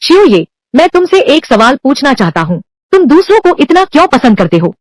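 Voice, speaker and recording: This voice-over dubber has a high, lively voice and handles every character in a drama by herself, keeping one unchanged voice for men and women alike. She speaks briskly, and there's no echo.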